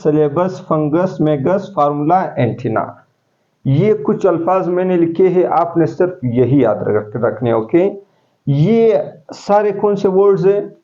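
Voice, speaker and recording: A man's voice: fairly high pitch, mellow. Male teacher quizzing his class. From Pakistan. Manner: explains step by step, asking the class questions. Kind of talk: classroom lecture. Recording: dull lo-fi classroom recording.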